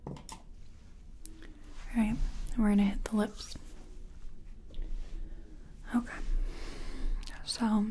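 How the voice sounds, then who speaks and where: A woman does a soft-spoken ASMR makeup artist roleplay, whispery and breathy, murmuring hesitantly as though half to herself. Her medium-pitched delivery is flat, with drawn-out words and frequent pauses, over a little hiss or hum.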